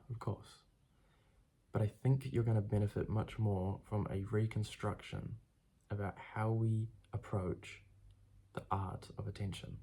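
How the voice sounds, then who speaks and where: A man's voice: on the low side, gravelly, dark tone. A young man with a congested, stuffed-up voice gives a blunt, casual motivational talk straight to the camera, swearing freely. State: congested from a cold. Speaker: self-improvement vlogger.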